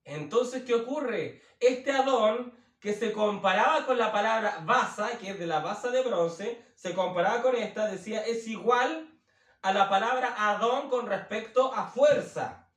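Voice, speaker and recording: High voiced guy preaching a bible study real slow, echoey room, mic kinda far off. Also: a bit bright. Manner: slow, repeats and rephrases with many fillers. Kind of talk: Bible teaching. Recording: roomy, from away from the mic.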